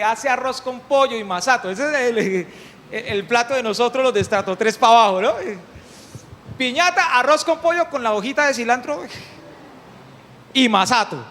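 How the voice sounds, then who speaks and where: High-voiced preacher, animated. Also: male voice, slight background noise. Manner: animated, humorous, questions the congregation. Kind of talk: sermon. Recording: long hall reverb.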